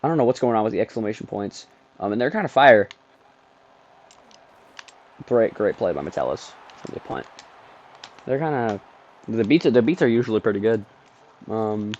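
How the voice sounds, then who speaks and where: A young man streaming a football video game alone from his bedroom, chatting in a loose, rambling way full of ums and sudden bursts of play-by-play excitement. He sounds a bit sleepy, his voice sits mid-range, and the recording is slightly dull and lo-fi. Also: medium pitch, normal speed, long pauses. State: sleepy, yawning. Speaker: gaming streamer. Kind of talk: casual gameplay commentary.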